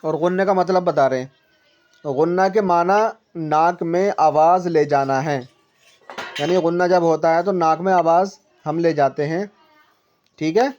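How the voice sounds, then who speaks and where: A woman with a lowish, slightly mellow voice teaches Quran reading one-on-one, heard through a dull lo-fi recording. Patient and repetitive, she goes over points again, quizzes her pupil, and elongates syllables to show how they sound.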